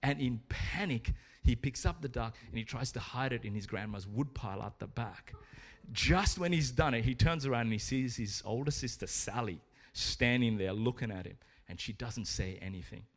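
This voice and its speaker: A man's voice: medium pitch, normal speed. A man preaching a sermon in an earnest, urging way, telling a story along the way.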